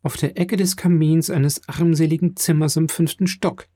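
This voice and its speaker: A man's voice: on the high side, normal speed, dry recording, pitched above the performer's own voice, natural voice. A man putting on a breathless young daughter. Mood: eager. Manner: breathless, excited cries.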